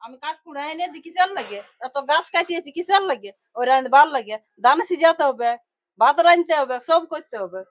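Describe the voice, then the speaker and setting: A woman's voice: high voice, lively intonation, brisk. An actress playing a middle-aged farming mother-in-law with a Purulia Bengali accent, who grumbles and scolds. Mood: scolding. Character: nagging village mother-in-law, a hard-working farmer. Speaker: actor in a village drama.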